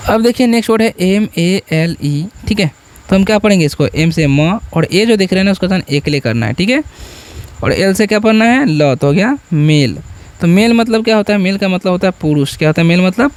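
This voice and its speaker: A man with a fairly high voice teaches beginner English in Hindi. He spells each word out letter by letter, then asks his viewers how to read it and answers the question himself. He fills his talk with frequent "ठीक है" checks. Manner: repeats "ठीक है" often.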